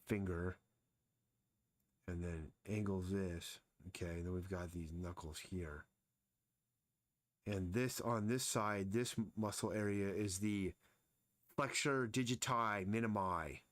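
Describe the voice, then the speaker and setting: Man, artist on a live stream, low voice, dry close mic, musing while sketching. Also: takes it slowly, long pauses, no echo. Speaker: artist streaming his drawing. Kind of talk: casual live drawing commentary.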